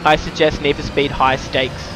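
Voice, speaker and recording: A man's voice: on the high side, level tone, moderate pace. An Australian man live-streaming a game, chatting casually in a blokey way with mild swearing and slang. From New South Wales, Australia. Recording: loud game music and engine noise behind. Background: racing game music and car sounds.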